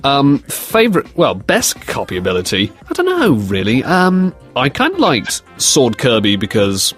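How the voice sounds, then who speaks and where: A man's voice: medium pitch, huge pitch swings, measured pace, fairly bright tone, soft background music. A young British man answering fan questions in a casual, jokey chat, rambling with plenty of fillers and restarts. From Britain. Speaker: co-host of a fan series Q&A.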